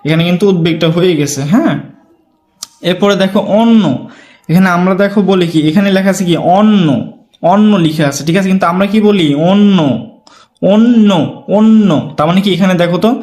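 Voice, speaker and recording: A man's voice: high-pitched, fast talker, a little mellow. A man teaching a pronunciation and spelling lesson to students, repeating words syllable by syllable and checking in with them often. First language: Bengali. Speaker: Bangla teacher.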